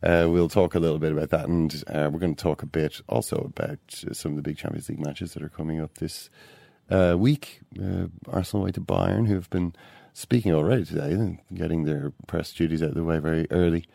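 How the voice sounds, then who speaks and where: An Irish-accented man making wry, deadpan sports banter as a podcast co-host. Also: rumbling low, fairly quick, vocal fry, no room sound, clean studio sound.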